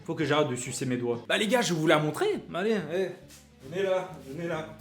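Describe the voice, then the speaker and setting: Excitable young man streaming a cooking session. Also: fairly high pitch, fast. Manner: excitable, jokey, reads chat aloud. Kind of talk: live-stream cooking chat. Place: home kitchen. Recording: faint music behind.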